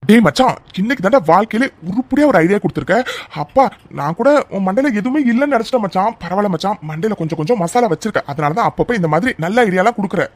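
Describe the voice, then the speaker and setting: Guy doing a young cartoon husband, worried but jokey with his buddy, quick and high. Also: lively intonation, dry recording. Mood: casual. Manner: casual, teasing banter. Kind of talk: cartoon voice acting.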